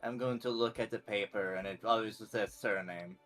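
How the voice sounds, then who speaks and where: Man, fairly low voice, tabletop player, casual chat, light music behind. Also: steady tone, brisk, fairly bright tone. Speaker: player in a tabletop roleplaying game.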